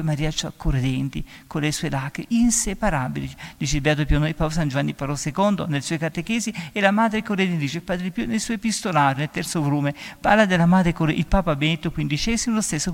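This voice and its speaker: A man, a priest, giving an emphatic homily, raising his voice on key phrases. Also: vocal fry. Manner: emphatic preaching, often rising in pitch and volume on key phrases. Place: church. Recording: long reverb of a church.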